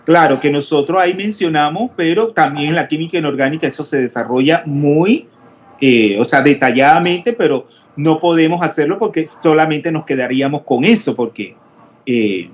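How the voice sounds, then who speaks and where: Hesitant male chemistry teacher lecturing. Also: a little high. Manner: questioning, explanatory, many hesitations. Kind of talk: online class lecture. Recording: dull lo-fi audio with faint noise.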